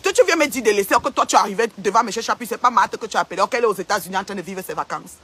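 Woman online commentator, husky edge, confrontational, repetitive livestream tirade. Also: medium pitch, animated, rapid-fire, a bit bright. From Cameroon. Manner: confrontational, repeats phrases for emphasis. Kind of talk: livestream rant.

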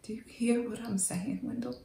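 Hurt woman at a breakup, played by an actress, searching soliloquy, halting and gravelly, echoey room. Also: mid-range voice, expressive, warm tone. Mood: searching, aching. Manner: halting, searching, with breathy drops to near whisper. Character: hurt, pleading woman leaving her fiancé. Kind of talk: searching dramatic monologue, soliloquy. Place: small indoor room, plain backdrop. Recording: roomy indoor echo.

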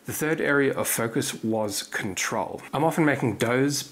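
A man in his thirties, a cooking streamer, calmly and methodically explaining to camera in his home kitchen on a lapel mic. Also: mid-range voice, normal speed. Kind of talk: scripted talk to camera. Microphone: lavalier clipped to apron.

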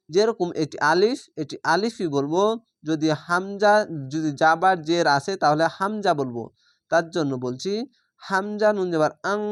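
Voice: medium pitch, no echo, clean studio sound. A Quran reading teacher giving an online lesson, spelling out letters and vowel marks one by one and patiently explaining each recitation rule to the viewers. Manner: addresses viewers directly, checks understanding.

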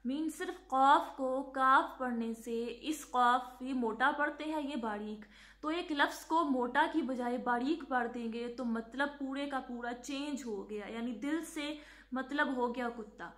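A woman teaching recitation in a high, clear voice with a bright edge. She explains patiently, repeating words slowly to show how each sound is made, and drops English words into her talk. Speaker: religious teacher. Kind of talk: instructional talk on Quran recitation.

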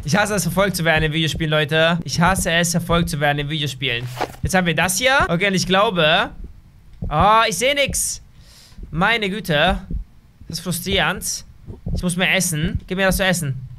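A man giving excitable, chatty let's play commentary as a gaming YouTuber, talking straight to his viewers. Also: sits high, moderate pace, slight background noise.

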